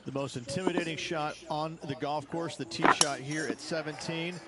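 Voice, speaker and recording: A man's voice: a little high, steady tone, normal speed, close to an everyday voice. A man playing a knowing, matter-of-fact golf commentator analysing the course in a video game. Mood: assured. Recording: outdoor ambience noise behind voice.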